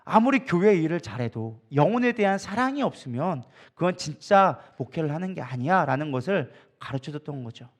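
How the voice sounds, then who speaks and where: A man preaching as a pastor, telling stories with a joking, animated manner and acting out what others said. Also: on the high side, brisk, hardly any pauses. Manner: animated, joking storytelling with acted quotes. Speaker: co-lead pastor. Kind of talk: sermon at an evening prayer meeting. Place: church sanctuary.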